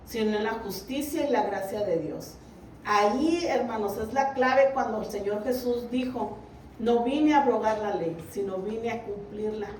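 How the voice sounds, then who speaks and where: A woman delivers a sermon in a high, bright voice. She presses her congregation earnestly. She is picked up from a distance in an echoing room with a faint hum underneath. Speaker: preacher. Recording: roomy, distant mic.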